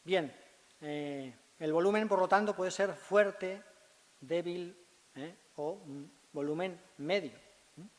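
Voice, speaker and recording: A man's voice: high voice, takes it slowly. A man, a speech therapist giving a conference talk in a large hall. He teaches step by step and keeps checking in with short tag questions. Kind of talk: conference presentation. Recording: long reverb of a large hall.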